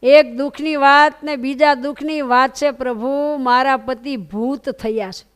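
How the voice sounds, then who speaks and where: A woman's voice: high-pitched, fairly even intonation, unhurried. A woman voicing a grieving widowed village woman who pleads tearfully in prayer.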